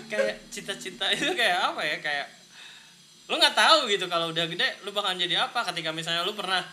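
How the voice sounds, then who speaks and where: A man's voice: high voice, animated, a little fast, sharp tone, slight background noise. A young man hosting a casual podcast, joking and swearing playfully, mixing in English phrases. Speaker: podcast host.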